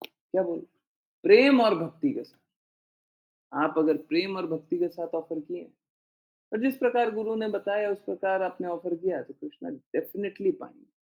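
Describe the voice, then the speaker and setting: A man's voice: high-pitched, normal speed, dull audio. A man giving a devotional talk as spiritual teacher, answering listeners' questions earnestly and repeating key phrases.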